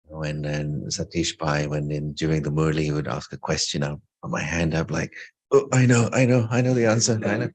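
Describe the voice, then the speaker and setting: A middle-aged man from England talks a little fast in a very deep voice, telling his personal story in an informal spiritual talk. His tone is reflective and lightly humorous.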